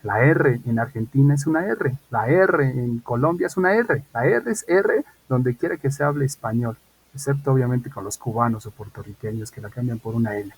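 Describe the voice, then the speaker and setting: A man's voice: medium pitch, lively intonation, moderate pace, breathy edge, low-quality recording. A man, an English teacher explaining assignments in an online class and often checking in with his students. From Mexico.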